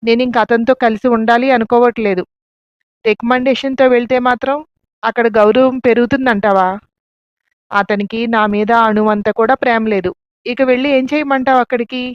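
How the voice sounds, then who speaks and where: A woman voicing a heartbroken young wife, weary and quietly defiant. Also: a little high, fairly even intonation, moderate pace, smooth, dry recording, lightly acted. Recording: dull lo-fi, dry.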